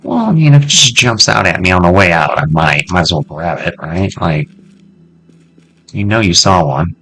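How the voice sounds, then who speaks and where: A man hosting a casual let's-play, chatting to himself in an excitable way and swearing freely as he loots. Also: deep voice, normal speed, vocal fry, slightly rough. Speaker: gameplay video host.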